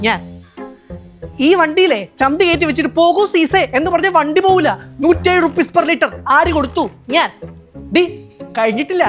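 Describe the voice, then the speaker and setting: A man's voice: very high-pitched, fairly bright tone. An actor playing a cheeky young man who bickers in teasing, mock-insulting banter in a short drama, with music behind. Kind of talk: Malayalam short drama acting. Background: background music.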